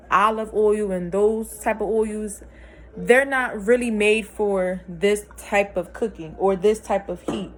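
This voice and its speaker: A young adult woman with a higher voice chats casually with viewers while cooking in her home kitchen. She's a folksy, talkative cooking vlogger, and there's slight background noise.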